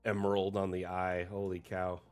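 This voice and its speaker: A man hosting a livestream as community manager, chatting casually and rambling with many fillers, often trailing off quietly at the ends of phrases. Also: deep voice, completely flat delivery, normal speed, soft background music.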